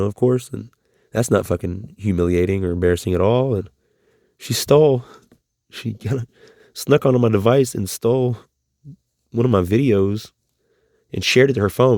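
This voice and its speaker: A man talking straight to camera in a rambling, profane vlog monologue, his voice climbing high when he gets worked up. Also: dark tone, no echo, studio quality.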